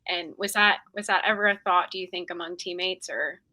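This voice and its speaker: Young woman, podcast host, bright tone, dry close sound, chatty and upbeat. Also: fairly low pitch, steady tone, brisk, no echo. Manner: chatty, upbeat, frequent fillers. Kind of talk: casual sports interview.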